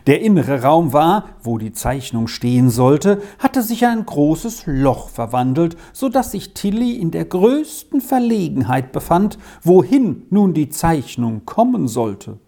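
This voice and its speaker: A woman narrating a chapter of a storybook in an expressive, measured reading. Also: deep voice, gravelly. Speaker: audiobook narrator.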